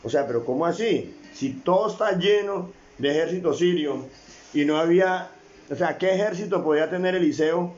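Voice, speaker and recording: A man's voice: fairly high pitch, normal speed, darkish tone, lo-fi sound. A man preaching a sermon as a pastor, often calling on his brothers, asking rhetorical questions and repeating phrases.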